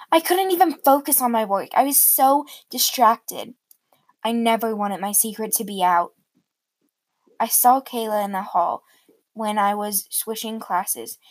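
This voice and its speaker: A woman's voice: fairly high pitch, no echo, low-quality recording. A woman reading aloud a first-person story with earnest, emotional narration.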